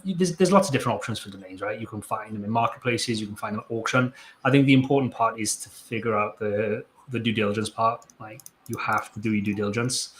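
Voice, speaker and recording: A man co-hosting a live online show, answering viewer questions in a measured, plain-spoken way. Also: mid-range voice, a bit bright. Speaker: co-host. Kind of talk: casual live-stream chat.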